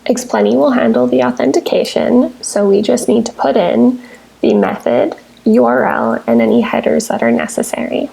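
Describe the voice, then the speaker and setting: A technical support engineer presents a scripted screencast tutorial, walking through software steps with measured, instructional phrasing. Her voice is somewhat high yet mellow, heavily creaky and animated, and the audio quality is poor.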